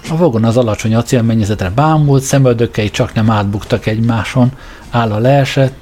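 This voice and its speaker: Brief: male audiobook narrator, measured scripted storytelling, mid pitch, faint music bed. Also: a little mellow.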